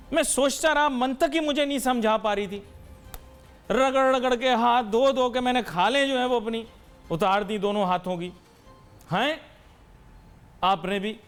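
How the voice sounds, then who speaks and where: A man's voice: very high-pitched, a bit bright. A man hosting a TV talk show, delivering an emphatic, lecturing monologue to viewers and mixing in English phrases. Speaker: TV anchor and talk show host.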